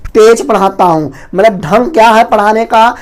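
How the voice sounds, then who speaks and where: A man teaching an online exam-prep Hindi lesson, talking very fast and loudly and often calling the viewers his friends. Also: high voice. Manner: fast, rapid-fire delivery; loud, near-shouting teaching.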